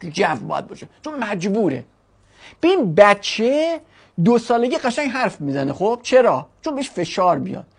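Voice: mid-range voice, sing-song, gravelly, breathy edge. A language teacher giving a chatty classroom lecture, asking rhetorical questions and joking with the students.

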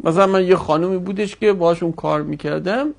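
Male language teacher, lecturing, raised pitch with a gravelly edge, methodical and repetitive when explaining. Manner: explanatory, repeats forms slowly for students. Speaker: Arabic grammar teacher. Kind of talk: classroom lecture.

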